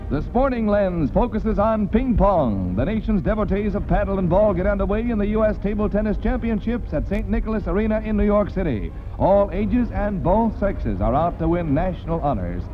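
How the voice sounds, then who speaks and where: An American man narrates a scripted 1940s newsreel over background music on a vintage soundtrack. His voice sits high and sing-song at normal speed, with a jaunty, wisecracking, punchy showman's delivery, and the sound is lo-fi.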